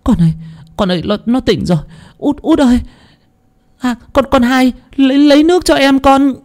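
A man voicing an anxious middle-aged mother who pleads tearfully in a high, strained voice. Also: normal speed, darkish tone. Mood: frantic.

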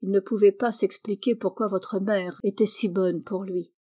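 A woman voicing a restless, impatient teenage boy who talks with excitement, from a storybook. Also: medium pitch, moderate pace, natural voice.

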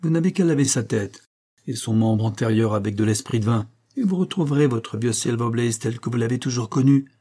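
A man reading aloud and voicing a calm, composed, self-assured detective. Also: mid-range voice, brisk, natural voice.

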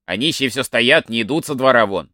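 A man reading a folk tale aloud in an expressive storytelling manner. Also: mid-range voice, brisk, no room sound, studio quality. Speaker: narrator.

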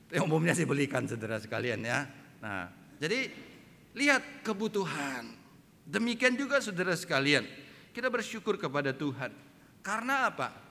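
A man's voice: a little high, bright, forceful tone. A male pastor preaching a sermon, who keeps asking his congregation rhetorical questions and addresses them again and again as brothers and sisters. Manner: acts out people's complaints in raised voices. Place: church sanctuary. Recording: reverberant church hall, faint background noise.

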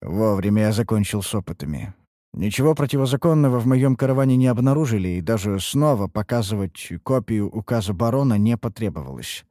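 A man narrating a first-person fantasy audiobook in a steady, measured way. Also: on the low side, no room sound, studio quality.

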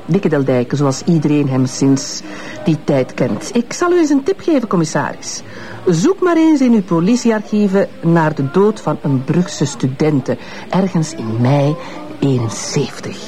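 In a radio drama, an actress with a Flemish accent plays a bitter, sardonic ex-wife in her fifties who is a witness, her delivery mocking and insinuating. Her low voice is mellow, sing-song, and unhurried. Soft music plays in the background.

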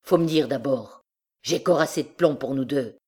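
A woman reading aloud, voicing a rough, jealous young countryman who talks bluntly in rustic speech. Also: very deep voice, normal speed, darkish tone. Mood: gruff.

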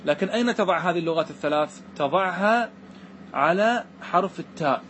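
A man's voice: high-pitched, lively intonation, a bit bright, a little hiss or hum. Man teaching grammar, checking understanding often. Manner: checks understanding with repeated questions to students; recites verse lines slowly and deliberately. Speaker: teacher explaining Arabic grammar verses. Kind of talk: classroom lesson.

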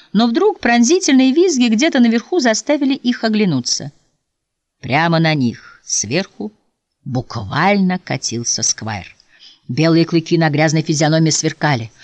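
Woman audiobook narrator, low voice, very animated storytelling. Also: no room sound. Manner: expressive, lively storytelling. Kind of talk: scripted narration.

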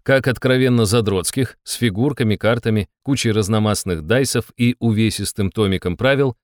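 A man's voice: on the low side, moderate pace, dry recording, clean studio sound. A man narrating a story in a wry, ironic tone. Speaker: audiobook narrator. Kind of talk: scripted narration.

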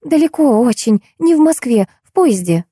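A woman's voice: high-pitched, sing-song, moderate pace, warm tone, husky, dry recording, studio quality, pitched above the performer's own voice, full character voice. A woman voicing a flighty, frightened young actress with a whiny, mumbling manner. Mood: evasive.

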